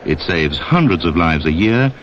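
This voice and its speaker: A deep-voiced man with a fairly bright tone narrates a scripted 1960s public information film, giving pointed instruction directly to the listener. He is expressive, his intonation moving widely at a moderate pace, and the dull, dated soundtrack carries a little hiss or hum.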